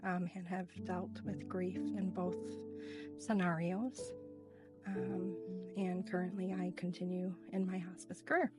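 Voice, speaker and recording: A woman's voice: lowish voice, flat delivery, unhurried, music in the background. A middle-aged woman speaking as an interview guest in a reflective, conversational style. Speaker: guest, hospice nurse.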